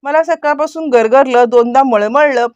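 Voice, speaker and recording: A woman's voice: high voice, moderate pace, darkish tone, clean tone, no echo, highs cut off, natural voice. Woman reading an anxious young wife. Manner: hesitant, pleading.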